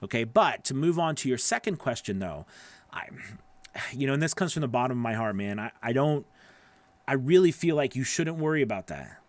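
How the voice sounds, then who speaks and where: A middle-aged voice-over coach hosts a casual session from a small indoor home studio, answering live viewers' questions with conversational advice. His medium-pitched voice is expressive and brisk, captured dry and close on a boom-arm broadcast mic. He's emphatic and often checks in with the listener.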